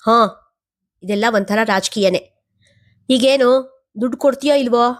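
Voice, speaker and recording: A woman's voice: fairly high pitch, normal speed, natural voice. A woman voicing a manipulative middle-aged mother who guilt-trips her son for money. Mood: wheedling. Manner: wheedling, guilt-tripping.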